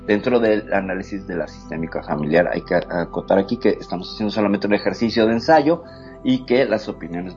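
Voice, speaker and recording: Man, talk show host, expressive lecturing, faint music behind. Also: low-pitched, highs cut off. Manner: expressive, lecturing, swings loud and soft. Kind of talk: reflective talk show commentary.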